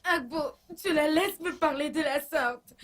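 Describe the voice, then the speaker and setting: A woman's voice: high-pitched, a little slow, distant mic. A weepy pregnant lady of the house. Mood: tearful, indignant. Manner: wailing, tearful complaints. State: crying. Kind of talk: dubbed film acting.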